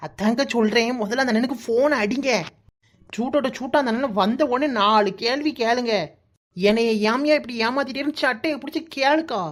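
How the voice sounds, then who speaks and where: A woman doing a pushy, fast-talking village woman with a Kanyakumari accent. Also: fairly high pitch, lightly acted. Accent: Kanyakumari Tamil. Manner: rapid, pushy urging. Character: bossy young village woman, pushy and meddling. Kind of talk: cartoon voice acting.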